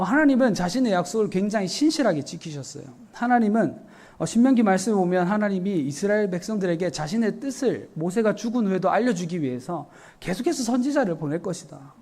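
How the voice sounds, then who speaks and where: A male pastor giving an earnest, explanatory evening sermon, often pausing with short fillers. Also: high voice, vocal fry, a little mellow. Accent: Korean.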